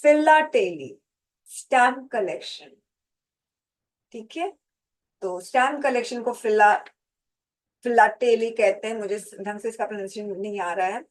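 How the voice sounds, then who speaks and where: A woman teaching a vocabulary lesson to exam students, speaking slowly and deliberately, spelling out and repeating each term. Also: medium pitch, low-quality recording. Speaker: English teacher for competitive exams. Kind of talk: slow classroom lecture, mixing Hindi and English.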